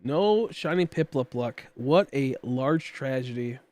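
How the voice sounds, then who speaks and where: In a dry recording, a man in his late twenties speaks at a measured pace with a mid-range, slightly mellow, expressive voice. It's casual livestream talk during a game, full of rambling and self-directed joking aimed at viewers and a friend.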